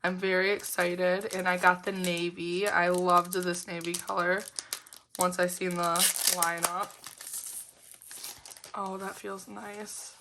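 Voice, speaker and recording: A planner vlogger chats casually while unboxing, her fairly low voice level and slow, with background noise in the room. A lingering illness has left her voice roughened and slightly odd-sounding, yet she stays upbeat and giggly, filling gaps with lots of fillers.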